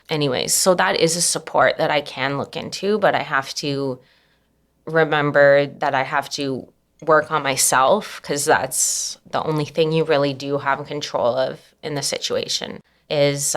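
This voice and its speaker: Low-pitched young woman, guest on an interview, soft and reflective, lots of um and like. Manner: soft-spoken and reflective, with frequent fillers and nervous laughs. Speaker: anonymous guest. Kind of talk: candid personal interview.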